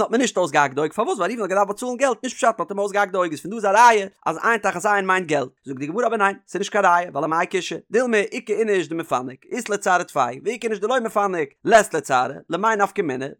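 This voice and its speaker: A high-pitched man with a Yiddish accent works through a Talmud passage in a rising and falling study chant. The recording is dry and close, with no room sound. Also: fairly bright tone, dry recording. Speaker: Talmud teacher.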